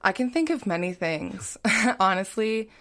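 A woman's voice: mid-range voice, big pitch swings, a little slow, a bit bright. A young adult woman, a college student, talking casually as a podcast guest and filling her speech with "like" and "you know". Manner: chatty, heavy on "like" and "you know". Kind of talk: casual interview talk.

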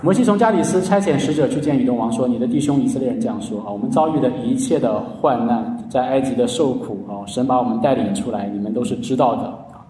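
A man preaching a sermon in a mellow, relaxed voice, earnestly telling a story and drawing out his sentence endings. He sounds far from the mic, his words ringing through a large, echoing hall. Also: mid-range voice, quick pace, slight background noise. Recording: echoey hall, heard from a distance.

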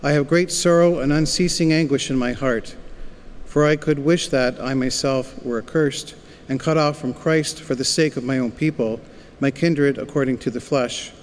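A man giving a formal, solemn liturgical reading with deliberate phrasing in a large church. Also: medium pitch, fairly even intonation. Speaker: scripture reader. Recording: echoey church, background noise.

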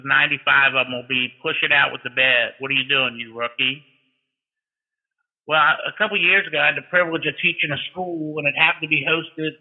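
Phone-line man, higher-pitched, explaining shop know-how. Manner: folksy, explanatory storytelling. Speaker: towing instructor and guest. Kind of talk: casual technical explaining with anecdotes. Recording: thin, narrow-band phone-like line.

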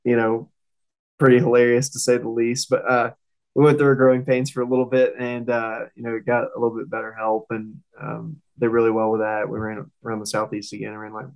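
A young race car driver from the southern United States, guesting in an interview, recounts his career in a casual, rambling, hesitant way. His voice is fairly low-pitched and the recording is rough.

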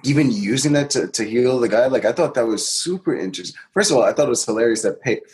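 A man co-hosting a podcast, amused and animated, with lots of fillers. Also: medium pitch, quick pace. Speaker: podcast co-host. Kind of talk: casual discussion.

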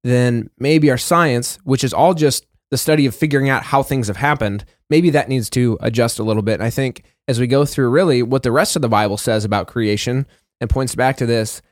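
A man co-hosts a casual Bible discussion, reading scripture passages aloud and talking them over in a relaxed way with small fillers and self-corrections. His mid-range voice moves a little fast, and the recording is dry and studio quality.

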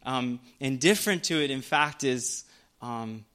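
A man's voice: mid-range voice, measured pace, fairly bright tone. A young man preaching a casual sermon, retelling Bible stories with frequent ums and playful voices for the characters.

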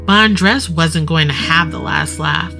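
A woman's voice: low voice, lively intonation, a little slow, gravelly. A woman host narrating an erotic audio story in intimate first person, with guitar music behind.

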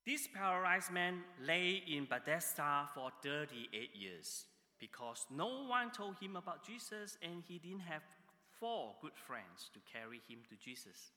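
A man delivers a sermon at a slow, deliberate pace. His voice is piercingly bright and tense, and he punches key words with emphatic jumps in pitch. A long reverb trails each phrase, as in a large hall. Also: sing-song. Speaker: preacher.

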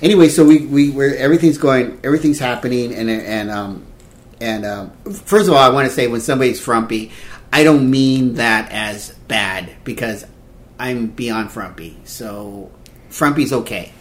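A man's voice: mid-range voice, normal speed. Podcast host in his 50s, loose casual chatter, keeps asking "right?". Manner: rambling, restarts, seeks agreement with "right?". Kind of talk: casual chat.

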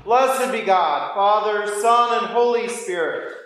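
A woman priest leading a church service, reciting prayers in a measured, solemn manner. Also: mid-range voice, a bit bright. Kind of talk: liturgical prayer and greeting. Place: large room, church. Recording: echoey church, far from the mic.

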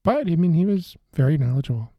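Mellow, husky-voiced man co-hosting a podcast. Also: a little high, fast, dry recording. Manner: relaxed, hesitant, with many fillers and restarts. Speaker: podcast co-host. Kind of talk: casual beer-tasting chat.

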